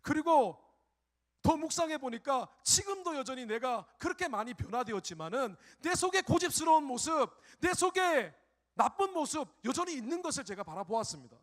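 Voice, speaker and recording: A middle-aged pastor preaching a sermon who swings between hushed reflection and loud, pleading cries and acts out his own prayers. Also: very high-pitched, big pitch swings, normal speed.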